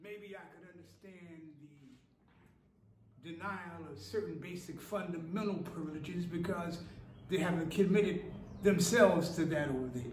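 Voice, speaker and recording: An older man, an actor, performing an impassioned civil rights preacher's speech in a slow, oratorical delivery, filmed on a phone camera in a small tiled room. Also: high voice, a little mellow. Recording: echoey room, faint hiss.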